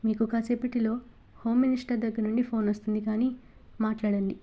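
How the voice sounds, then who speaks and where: A brusque young husband who barks short orders, as a woman narrator reads his lines. The voice is fairly high but very dark and mellow. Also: little pitch movement, fairly quick, close to an everyday voice. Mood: angry. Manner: brusque, commanding. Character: angry forceful young husband, tender to wife.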